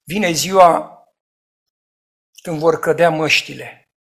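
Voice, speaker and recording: A man preaching a sermon in an emphatic way, rising to loud outcries and dropping to hushed asides. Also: on the high side, gravelly.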